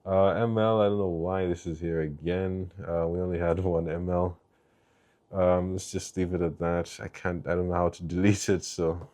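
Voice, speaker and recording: A man's voice: deep voice, flat delivery, moderate pace, warm tone. Rambling young man ranking cars. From East Africa. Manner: rambling, hesitant with many fillers and restarts. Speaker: car reviewer. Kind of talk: casual tier-list review.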